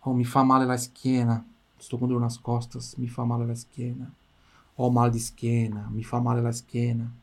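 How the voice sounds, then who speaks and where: A Portuguese-speaking man teaching an Italian lesson, stretching words out slowly for pronunciation and then chatting quickly in between. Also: mid-range voice, monotone. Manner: slow, drawn-out pronunciation drills between quick asides. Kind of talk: language lesson.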